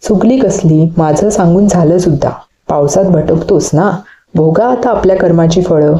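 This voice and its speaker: A woman's voice: on the low side, moderate pace, mellow, lightly acted. A woman reading the part of a carefree older brother who teases his younger sibling in a playful, mocking way. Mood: teasing.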